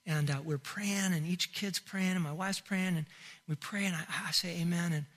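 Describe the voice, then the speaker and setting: A middle-aged man preaching and telling a family story, acting it out with big swings from loud to hushed. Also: high voice, steady tone, normal speed. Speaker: pastor. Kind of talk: sermon storytelling. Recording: long hall reverb.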